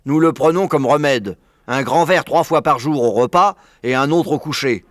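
A man's voice: medium pitch, moderate pace, no room sound, clean studio sound, pitched above the performer's own voice, close to an everyday voice. Man doing a hearty old badger. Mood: hearty, delighted. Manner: hearty, exclaiming. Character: jovial old badger, cider lover.

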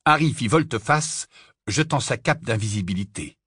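A man reading a fantasy novel aloud as an audiobook narrator, with expressive storytelling. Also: medium pitch, moderate pace, breathy edge, no echo, studio quality. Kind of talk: scripted narration.

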